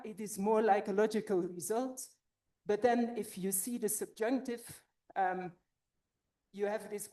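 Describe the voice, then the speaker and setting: A woman gives an academic conference talk in a mellow, darker-toned voice. She is a little out of breath and explains her points as she thinks them through, in a steady, measured way. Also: medium pitch. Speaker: conference presenter.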